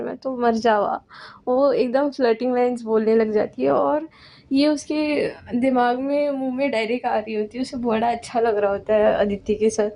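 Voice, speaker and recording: A woman's voice: a little high, mellow. A woman narrating a romance story in a chatty, unscripted way. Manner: chatty, unscripted, drawn-out phrasing.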